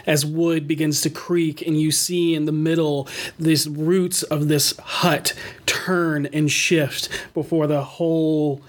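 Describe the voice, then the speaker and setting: A game master narrating a tabletop game in measured phrases with dramatic pauses. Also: medium pitch.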